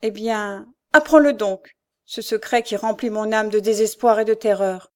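A woman voicing a gentle young woman who is hiding her failing sight, speaking softly and pleadingly. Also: medium pitch, steady tone, moderate pace, lightly acted.

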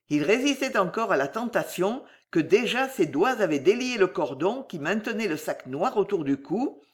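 Slow, dramatic audiobook narrator. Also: mid-range voice. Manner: dramatic, expressive reading. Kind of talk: scripted narration of a classic novel.

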